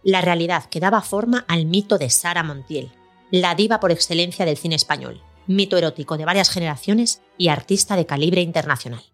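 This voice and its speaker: A woman hosting a podcast, reading a scripted documentary narration in a measured storytelling way. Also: lowish voice. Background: faint music.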